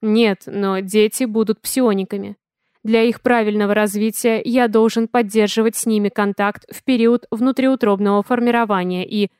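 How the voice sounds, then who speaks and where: A woman voicing a calm, protective male alien pilot in an audiobook, speaking in a steady, reassuring way. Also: medium pitch, normal speed, smooth, no room sound, clean studio sound, lightly acted. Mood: calm, gentle. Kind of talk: audiobook character voice.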